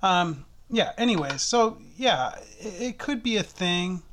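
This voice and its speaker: Guy cohosting a podcast, kinda high voice, rambly, laughs a lot, restarts his sentences. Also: expressive, a little slow, a bit bright. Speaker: podcast co-host. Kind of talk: casual podcast chat. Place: Toronto, Canada.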